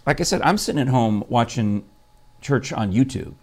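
Hosting a casual morning chat show, a man talks in a mid-range, slightly mellow voice that is animated and moderately paced. His style is rambling and chatty, full of fillers and restarts.

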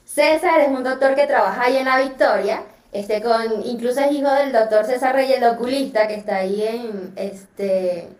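Venezuelan woman, guest storyteller, high voice, lively with fillers, distant roomy mic. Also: normal speed, few pauses. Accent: Venezuelan Spanish. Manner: lively, acts out quoted voices, many fillers. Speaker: podcast guest. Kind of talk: animated personal storytelling.

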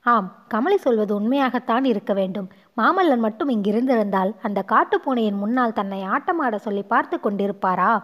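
A woman narrating a novel aloud in measured, expressive storytelling. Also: fairly high pitch, dull audio. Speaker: audiobook narrator. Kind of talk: scripted narration.

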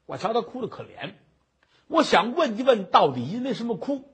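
A man's voice: extremely high pitch, very animated, fairly quick, slightly rough, full character voice. A man voicing a kind-hearted male beggar who coaxes and asks politely. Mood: earnest. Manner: polite, coaxing.

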